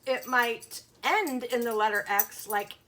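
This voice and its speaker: Reading aloud to young children, a woman speaks on the high side at a measured pace, her tone fairly bright, with a little hiss or hum on the recording. Her lesson features simple explanations, questions, and emphatically sounded-out letters and words.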